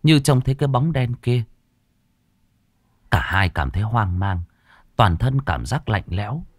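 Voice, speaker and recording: A man narrating a horror audiobook in an expressive, dramatic way. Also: lowish voice, measured pace.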